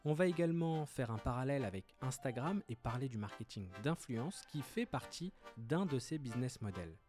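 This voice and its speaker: Male podcast host, mid-pitched voice, hesitant question style with fillers; soft music under the track. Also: lively intonation, normal speed. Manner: hesitant with frequent fillers when asking questions. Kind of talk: scripted intro then interview questions.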